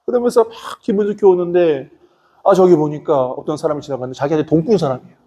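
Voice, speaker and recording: A male pastor preaching a sermon in an animated way, constantly asking the congregation questions. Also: fairly high pitch, quick pace, dull audio.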